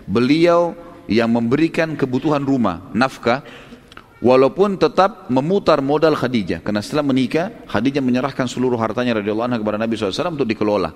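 A male preacher telling a story in a sermon, lively, with frequent tag questions. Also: medium pitch, fast, in a large hall.

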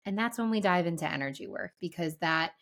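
Woman, energy-healer co-host, lowish voice, giggly, spiritual, conversational. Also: lively intonation, fairly quick, gravelly, a bit bright. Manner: laughs often, spiritual wording. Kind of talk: casual podcast chat.

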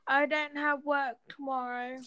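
A woman's voice: sits high, flat delivery, unhurried, sharp tone, no room sound, muffled recording. A woman chatting casually as a podcast co-host, with a blunt, bantering manner. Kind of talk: casual chat.

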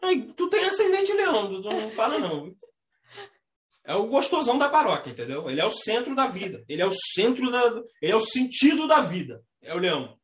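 A man with a Brazilian Portuguese accent hosting a casual astrology chat, talking in a slangy, animated way and mimicking the people he describes. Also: sits high, fairly quick. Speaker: astrology talk host. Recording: echoey room.

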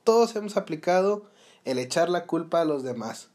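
Young Mexican male podcast host, earnest and advising, slightly higher pitch, rhetorical questions. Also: lively intonation, moderate pace, a little mellow. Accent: Mexican Spanish. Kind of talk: motivational solo podcast talk.

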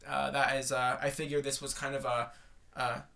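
Young male podcast co-host, vocal fry, casual and playfully theatrical delivery. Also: mid-range voice, flat delivery, normal speed, crowd noise. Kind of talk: casual chat.

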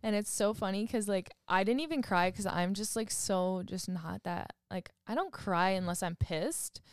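Laid-back young woman, smooth clear voice. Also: mid-range voice, moderate pace, dry recording, studio quality. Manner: laid-back, frank, swears casually. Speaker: podcast co-host. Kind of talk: casual chat between friends.

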